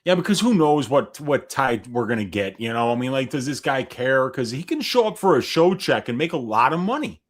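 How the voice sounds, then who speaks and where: A man's voice: mid-range voice, sing-song, fairly quick, few pauses. A man co-hosting a live fight watch-along, a little tipsy, joking around in casual banter. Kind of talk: casual live-stream chat.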